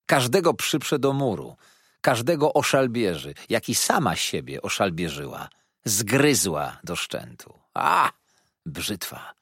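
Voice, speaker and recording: Lektor jako wyniosły młody pan, chłodny ton, bardzo zmienna intonacja, suche nagranie. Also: male voice, fairly low pitch, very animated, takes it slowly, a bit bright, husky, no room sound, studio quality, full character voice. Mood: cool. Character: confident, cool young gentleman.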